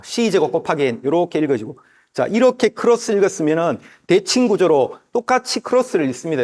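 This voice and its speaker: Korean math teacher, slightly higher voice. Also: male voice, a little mellow. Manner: talks to the figure's parts as "you", repeats steps aloud; drawn-out, slow reading of formulas. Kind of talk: whiteboard math lesson.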